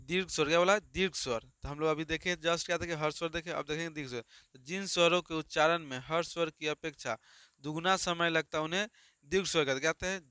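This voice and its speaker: A male teacher drills students through a grammar lesson, repeating questions and answering them himself. His voice is bright and crisp, and the recording is close and dry. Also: fairly high pitch, dry recording. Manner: repetitive call-and-response questioning.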